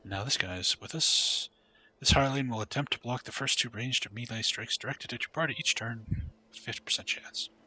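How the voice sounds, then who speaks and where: A male streamer chatting casually over a role-playing game and reading its text out loud. His voice is very bright, pitched in the middle range for a man, and his manner stays relaxed. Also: moderate pace, soft background music. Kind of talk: casual gameplay commentary.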